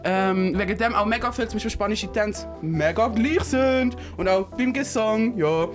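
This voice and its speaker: A young woman co-hosting a casual radio chat, excitable, laughing often and dropping in English slang. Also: mid-range voice, moderate pace, faint music behind. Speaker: radio show co-host.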